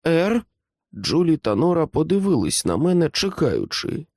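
Man, audiobook narrator, calm storytelling, lively intonation, dry close mic. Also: lowish voice, moderate pace, no echo.

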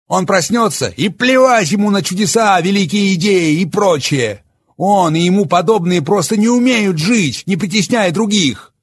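A man voicing a furious, bitter young man who shouts and sneers. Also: high voice, lively intonation, normal speed, husky, voice pushed up. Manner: shouting, raging, bitter sarcasm.

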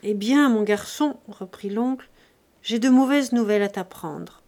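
A woman's voice: mid-range voice, measured pace, a little mellow, natural voice. A woman doing an old miserly uncle. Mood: blunt. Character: old miserly man, cold, calculating uncle. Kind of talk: audiobook reading of a classic novel.

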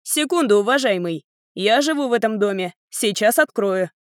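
A woman voicing an earnest young man who keeps politely pleading for calm. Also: medium pitch, normal speed, no room sound, clean studio sound, lightly acted. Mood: placating. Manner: pleading, placating, overly polite. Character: earnest, fussy young man trying to keep peace.

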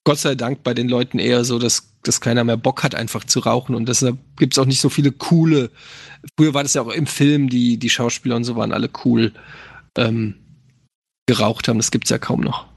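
Streamer man, thirties, slightly nasal, gravelly, loose rambling chat, dry close mic. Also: medium pitch, brisk, dry recording. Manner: relaxed, rambling, many fillers. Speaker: streamer answering questions. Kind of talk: casual chat.

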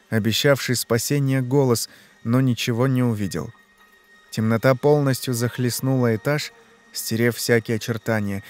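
A man narrating a horror story in a steady, measured way. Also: mid-range voice. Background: faint music.

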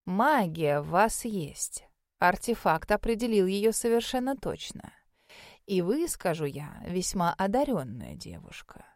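Lady reading as old wizard guy, slow, low, quiet murmur, calm and probing. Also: no echo, clean studio sound. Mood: measured, musing. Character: elderly male magic academy examiner, mild and probing.

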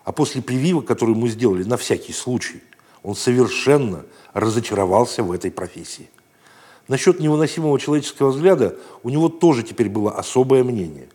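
A man reading a children's story aloud in a gentle, playful storytelling manner, raising his voice for the shouted lines. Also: mid-range voice, expressive, fast talker, husky. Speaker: narrator.

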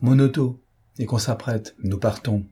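A man's voice: medium pitch, a little slow, mellow, slightly rough. A man voicing a stern, imperious emperor in an audiobook, speaking in curt commands. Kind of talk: audiobook character reading.

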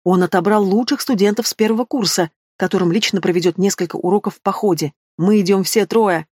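An eager young student roommate from a storybook bursts out with excited exclamations, as a woman reader puts her on. Her voice sits mid-range and sounds close and dry. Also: mid-range voice, fairly quick, husky, no echo, lightly acted.

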